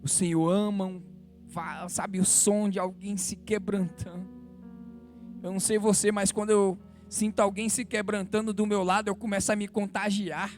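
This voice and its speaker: High-voiced Brazilian man preaching fervently. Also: little pitch movement, moderate pace, a little mellow, soft background music. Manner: emotional, rises to fervent exhortation then drops low and intimate. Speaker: church worker preaching. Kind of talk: sermon. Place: church sanctuary.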